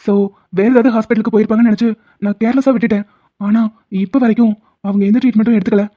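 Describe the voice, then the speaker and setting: A woman voicing a calm, level-headed young man in a dubbed cartoon drama, speaking in a steady, firm way. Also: fairly high pitch, racing, lightly acted. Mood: explaining. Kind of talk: Tamil cartoon dubbing. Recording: dull lo-fi recording.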